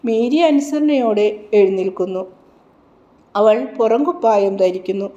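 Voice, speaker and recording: A woman narrates a devotional story in a slow, reverent reading voice. Her tone is soft and mellow, with a plain middle pitch. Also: lively intonation, lo-fi sound.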